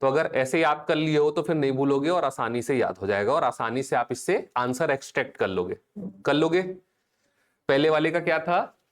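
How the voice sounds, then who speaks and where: A man's voice: a little high, animated. Guy teaching an exam class, chatty, keeps asking if students got it. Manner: call-and-response drilling, chanting mnemonics slowly; conversational, checks in with students often. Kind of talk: live online class lecture.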